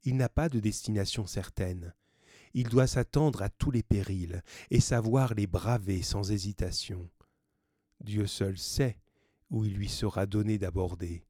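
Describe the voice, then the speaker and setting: Male narrator, audiobook reading, measured and even, dark mellow voice, dry sound. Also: fairly low pitch, no echo.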